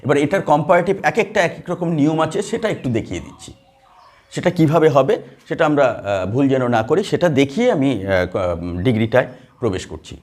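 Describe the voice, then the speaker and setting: Lively male teacher explaining grammar. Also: medium pitch, moderate pace. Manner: lively explaining with many fillers and questions to students. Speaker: English teacher. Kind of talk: classroom grammar lesson. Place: classroom with a board.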